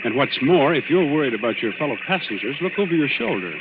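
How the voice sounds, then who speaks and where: An actor playing a calm, gallant, reassuring naval lieutenant commander in an old radio drama. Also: male voice, mid-range voice, fast talker. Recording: muffled, noisy old radio recording.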